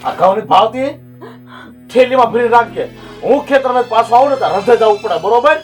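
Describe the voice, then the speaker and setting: A man's voice: extremely high pitch, lively intonation, fairly quick, soft background music. An actor playing a stern older village father who scolds and commands his daughter in a village drama.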